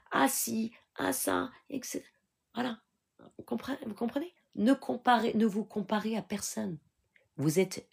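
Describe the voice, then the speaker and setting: Woman, live Q&A teacher, earnest, slightly low voice, constant check-ins. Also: vocal fry, slightly rough. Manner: switches between French and Moroccan Arabic, many "d'accord?" check-ins; earnest, instructive. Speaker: spiritual healer answering questions. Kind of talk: live question-and-answer talk.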